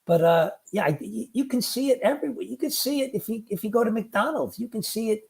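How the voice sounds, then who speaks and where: A man's voice: high voice, animated, fast, gravelly, a little mellow. A man co-hosting a casual talk show, making dry sarcastic asides. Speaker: podcast co-host. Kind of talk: casual chat.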